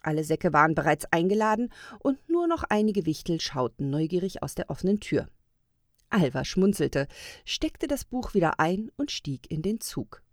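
Woman reading a story, gravelly low voice. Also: darkish tone, no echo, studio quality. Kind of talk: storybook narration.

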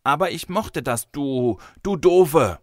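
A man voicing a sulky, excitable four-year-old boy in a storybook reading. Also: fairly high pitch, normal speed, no echo, clean studio sound, voice pushed up. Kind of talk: audiobook character voice.

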